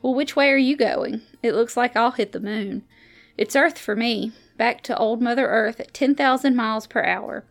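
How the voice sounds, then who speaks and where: Library reader, female, slightly high and gravelly, acts out dialogue, soft music under. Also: normal speed. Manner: lively character voices in dialogue, pitch rising for shouts. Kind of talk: reading a short story aloud.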